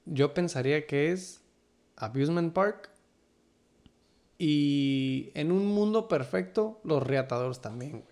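A man's voice: on the high side, slow, darkish tone. A man with a Mexican Chicano accent chatting casually as a co-host, full of street slang and dropping in English phrases. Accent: Mexican Spanish with Chicano flavor. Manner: slangy, code-switches into English. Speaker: sports league podcast co-host. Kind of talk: casual slangy banter about a fantasy league.

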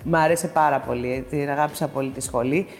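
A woman's voice: a bass voice, steady tone, vocal fry, a little mellow, big-room sound. A woman actress as an interview guest, telling stories animatedly with many hesitations. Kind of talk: casual interview storytelling.

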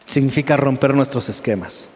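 A male pastor preaching a lively, humorous sermon, often asking the congregation questions. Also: medium pitch, normal speed, big-room sound. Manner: lively and humorous, with frequent call-and-response questions.

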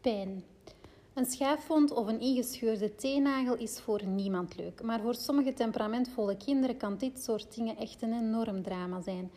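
A woman's voice: on the high side, moderate pace, dark tone, slight background noise. A woman with a Flemish accent reading aloud from a parenting book and breaking off into loose personal asides full of fillers. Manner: reads steadily, then rambles with fillers in her own asides.

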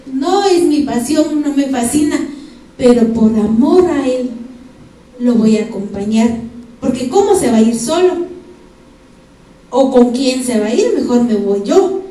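A woman's voice: high-pitched, animated, a little slow, long pauses, mellow. A woman with a Guatemalan Spanish accent preaching a sermon in a church, speaking straight to the congregation and asking them for examples. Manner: addresses the congregation directly, asks them for examples. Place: church sanctuary. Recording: echoey church hall from far off.

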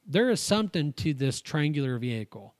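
A man's voice: a little high, sing-song, brisk. A man hosting a casual podcast, reading out stories and thinking aloud in a rambling, jokey way. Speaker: podcast host.

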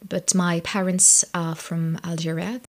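Slow, gravelly-voiced woman from France. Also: fairly low pitch, level tone. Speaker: podcast guest. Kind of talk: personal reflection.

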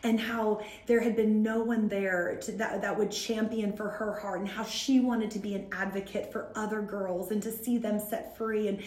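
A woman guest in a conversation, telling a story in an animated, self-mocking way and laughing often. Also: medium pitch, normal speed, hardly any pauses, reverberant. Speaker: guest speaker from a women's ministry.

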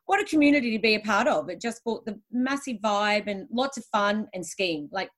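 A woman talks casually, enthusiastic and quick to giggle. Her voice sits at an ordinary pitch. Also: expressive. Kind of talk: casual chat.

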